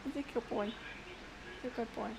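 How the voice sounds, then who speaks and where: A woman chats excitably on a home stream, rambling from one game theory to the next. Her voice sits a little high, and a steady hiss of background noise runs under her words. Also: a little fast, vocal fry. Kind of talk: casual chat. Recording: noisy home stream audio.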